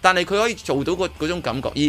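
This man talks very fast in a high voice with lively intonation and a slightly bright sound. Hosting casual radio chat from the studio in a Hong Kong Cantonese accent, he reviews a performance, often repeating himself and restarting.

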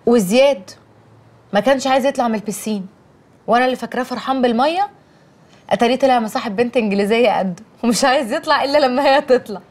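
A woman's voice: fairly high pitch, very fast, darkish tone, lightly acted. An actress with an Egyptian accent playing a young wife who coaxes her husband and soothes her mother. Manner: coaxing, soothing, mildly reproachful. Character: chatty young wife, coaxing peacemaker. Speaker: wife and daughter.

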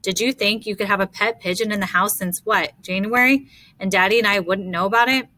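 A woman voicing a loving, gently teasing mother in an audiobook, speaking softly and reassuringly. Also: medium pitch, steady tone, a little fast, no room sound, natural voice. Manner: soft, reassuring.

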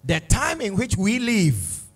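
Slow, emphatic male preacher. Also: high voice, huge pitch swings, slightly rough. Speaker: pastor. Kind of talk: sermon. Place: church.

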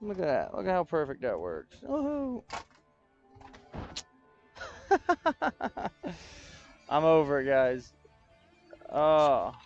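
A man on a livestream speaks at medium pitch with a darkish tone, very animated but a little slow. He's frustrated, talking casually to viewers and thinking out loud as he fixes tech issues. The audio is dull, with faint music in the background.

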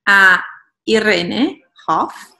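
Middle-aged woman host on a laptop call, gravelly low voice, bright edge, gushing with lots of ums. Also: expressive, extremely slow. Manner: warm effusive praise, filler-heavy. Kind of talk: casual video-call interview. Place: home room. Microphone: laptop on a video call.

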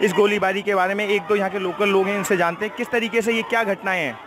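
A man's voice: high voice, steady tone, quick pace. A young man doing wordy, earnest live field news reporting into a handheld microphone. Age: young adult. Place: outdoors in residential lanes and street. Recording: noisy outdoor street ambience.

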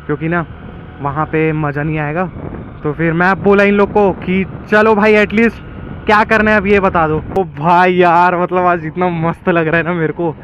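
A man's voice: high voice, fairly bright tone, highs cut off, slight background noise. A young man from India with a Chhattisgarh Hindi accent, chatting casually to his viewers while riding a motorbike and walking down a street. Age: young adult. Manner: chatty, addresses viewers as guys. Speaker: vlogger. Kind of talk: casual vlog chat. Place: outdoors on a motorbike and in a residential street. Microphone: action camera on bike and handheld selfie camera.

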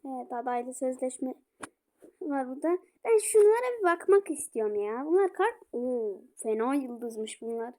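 A woman playing a football video game, commenting and shouting at her players. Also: high voice, lively intonation, moderate pace. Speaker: gaming streamer.

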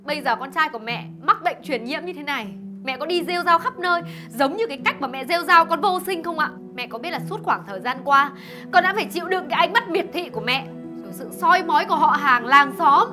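A woman's voice: sits high, lively intonation, quick pace. An actress playing a young wife who accuses her husband and mother-in-law, hurt and tearful. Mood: bitter. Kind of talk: short web drama acting. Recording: loud music behind the voice.

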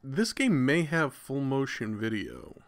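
A man's voice: mid-range voice, very animated, a little slow. A man giving casual, irreverent commentary while playing a video game, chatty and swearing freely. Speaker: gaming channel host.

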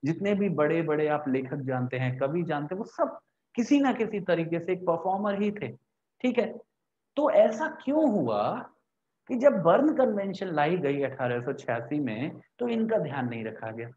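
Animated and a little high in pitch, with a slightly mellow quality, a young man from India teaches law at a moderate pace. He lectures to camera in Hindi sprinkled with English terms, explaining step by step, repeating points and posing questions he then answers. A lapel mic captures him in a small whiteboard room, and the sound is lo-fi.

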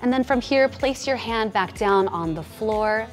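A woman's voice: a little high, expressive, unhurried, faint music behind. A woman in her thirties, a fitness trainer, guiding a yoga flow with encouraging, upbeat cues in a large indoor gym studio. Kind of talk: guided yoga instruction.

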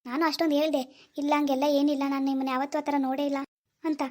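A young man acts out a stubborn young villager from in a homemade drama. He talks fast and blunt in a fairly high voice. He never gives ground. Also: little pitch movement. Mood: explaining. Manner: quick, blunt arguing.

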